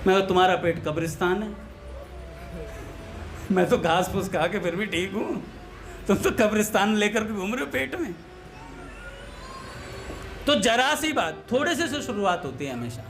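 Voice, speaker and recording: A man's voice: high voice, expressive, moderate pace, long pauses, a bit bright, a little hiss or hum. A man giving a devotional talk in a storytelling manner, mixing everyday anecdotes with a funny tale of lisping brothers. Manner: storytelling, mimics lisping voices for comic effect. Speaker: satsang speaker.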